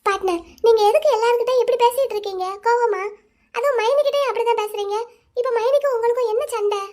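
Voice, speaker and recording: Young wife in a cartoon story, gentle, coaxing, rapid delivery; a woman voices her. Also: extremely high pitch. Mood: pleading. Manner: coaxing, questioning.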